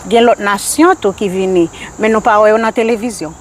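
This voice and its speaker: An older woman from Haiti with a Haitian Creole accent, speaking as a community activist guest in a casual interview, earnest and repetitive, with halting phrasing. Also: mid-range voice, a little hiss or hum.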